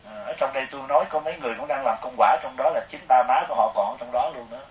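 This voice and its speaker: A middle-aged man with a Southern Vietnamese accent, a Buddhist monk telling animated, joking stories in a sermon to a live audience. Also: medium pitch, rapid-fire. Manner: animated, jokey, acts out quoted people. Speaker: Buddhist monk giving a dharma talk. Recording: echoey hall, mic at a distance.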